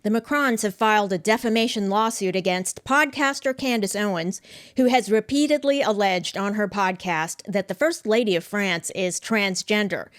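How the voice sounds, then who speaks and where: Woman giving measured legal commentary. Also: mid-range voice. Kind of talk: scripted commentary.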